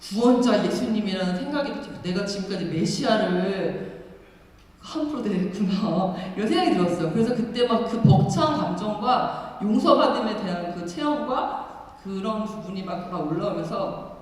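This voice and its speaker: A middle-aged nun giving an animated personal testimony talk with emphatic fillers. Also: female voice, mid-range voice, fairly quick. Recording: echoey hall, far from the mic.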